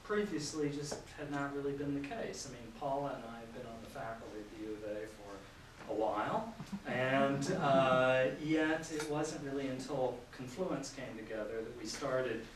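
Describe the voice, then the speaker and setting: A man in his sixties giving an informal public lecture as a professor, chatty and self-deprecating with lots of fillers. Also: mid-range voice. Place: large lecture room with an audience. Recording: echoey hall, mic at a distance, audience noise.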